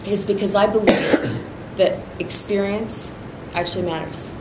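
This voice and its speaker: An unhurried, steady-toned woman with a mid-range voice talks through an endorsement interview for her district attorney run, using plenty of fillers. Middle-aged, she comes from Iran and was raised in San Francisco. Echo from the room and background noise color the recording.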